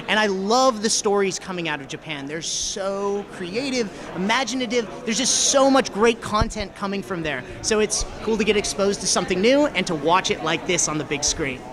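A cheerful man gushing in a red carpet interview, his voice pitched high for a man. Clear crowd chatter fills the event behind him.

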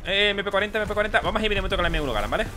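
A man from Spain with a Spanish accent, commenting excitedly on a game he plays, swearing often and yelping at the action. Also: high-pitched, rapid-fire. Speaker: gaming streamer. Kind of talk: let's play commentary. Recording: game music behind.

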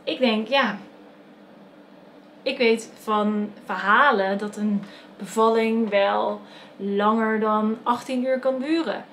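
A woman's voice: fairly high pitch, fairly even intonation, takes it slowly, a bit bright, a little hiss or hum. A young woman with a Dutch accent, casually telling a personal story to the camera, chatty and full of fillers and self-corrections. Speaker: vlogger telling her birth story.

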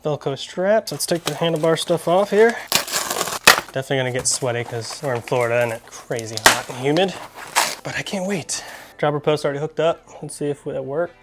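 A man's voice: a little high, animated, brisk, very noisy. A man hosting a casual vlog, talking in an enthusiastic, chatty way with frequent fillers. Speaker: mountain bike vlogger. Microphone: shotgun or wireless mic.

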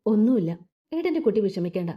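A woman's voice: mid-range voice, sing-song, fast, lightly acted. Tender elder brother read by a woman, comforting, lo-fi sound. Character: protective elder brother, young man, tender.

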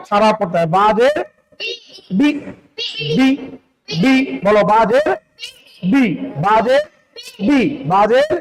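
A man's voice: very high-pitched, rough recording. A man from Bangladesh teaching Quran recitation step by step, patiently repeating syllables, asking questions and chanting the words drawn out. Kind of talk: spelling-out recitation lesson.

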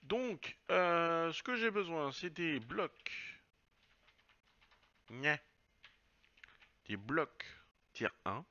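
Chatty gamer, bright lively voice. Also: male voice, a little high, extremely slow, long pauses, dull audio. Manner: chatty, swears, muses aloud while playing. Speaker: let's play gamer. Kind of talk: casual game commentary.

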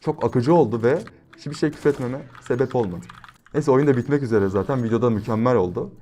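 A young man commentating his gameplay, brash and slangy, switching between loud outbursts and quiet, reflective motivational talk. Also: medium pitch, fast talker. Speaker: gaming YouTuber.

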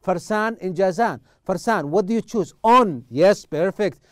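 Slow high-voiced teacher. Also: male voice, dry recording, studio quality. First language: Arabic. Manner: slow, repeats words and drills pronunciation. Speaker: English teacher. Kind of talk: recorded classroom lesson.

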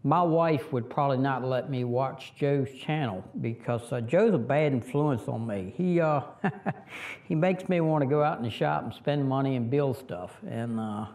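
At medium pitch and a moderate pace, a slightly mellow male voice belongs to a middle-aged Southerner from Virginia making a casual tractor how-to. Kneeling by the machine under an outdoor fabric shelter, he rambles folksily with many fillers and restarts as a camera records from a few meters away.

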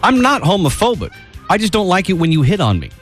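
A man's voice: sits high, sing-song, fast, fairly bright tone, faint music behind. A man in casual radio banter, speaking defensively.

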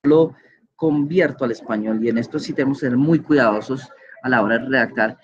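A man's voice: medium pitch, brisk, highs cut off. A man giving an online grammar lecture as a teacher, patient and explanatory, often checking in with his listeners. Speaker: English teacher.

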